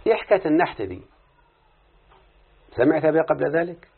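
A man's voice: a little high, lively intonation, brisk, creaky, breathy edge. A man with an Egyptian accent teaching an Arabic morphology lesson, constantly quizzing his student with questions. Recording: phone-like lo-fi audio.

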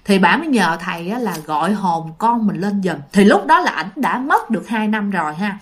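A woman's voice: medium pitch, animated, moderate pace. A woman with a Southern Vietnamese accent telling ghost stories in a chatty, casual way, often speaking directly to her listeners. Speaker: ghost story narrator.

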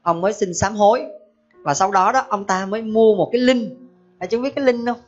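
A woman's voice: mid-range voice, a little fast, faint music behind. Woman giving a sermon. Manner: conversational, asks the audience questions. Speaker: Buddhist teacher. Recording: dull lo-fi recording.

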